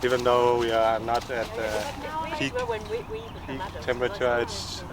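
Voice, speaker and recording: A man answering casually, halting with many uhs. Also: mid-range voice, huge pitch swings. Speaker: fellow triathlete. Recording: crowd chatter behind.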